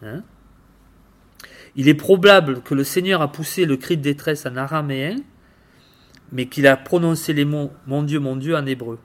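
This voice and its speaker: Guy preaching bible study, slightly high voice, stumbles and repeats words, keeps checking in with listeners. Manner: halting, repeats words, tags phrases with "hein"; addresses listeners directly with questions. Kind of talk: informal Bible teaching.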